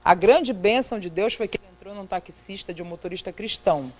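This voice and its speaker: A woman's voice: mid-range voice, brisk, poor audio. A middle-aged woman with a Brazilian Portuguese accent, preaching in a church as a missionary and telling a story by acting out the dialogue. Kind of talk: storytelling sermon testimony. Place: church sanctuary.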